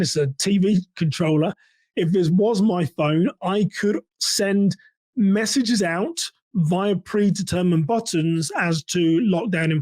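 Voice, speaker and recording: A man with a high, slightly mellow voice hosts a solo podcast, explaining topics conversationally as a church security practitioner and posing questions to listeners. There's no echo on the recording.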